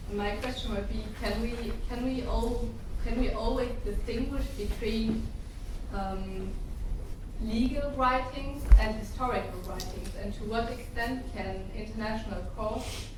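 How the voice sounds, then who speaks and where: A woman's voice: fairly high pitch, a little slow. A woman in the audience asking a question at a conference, hesitant and repeating words. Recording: distant, very echoey hall with noise.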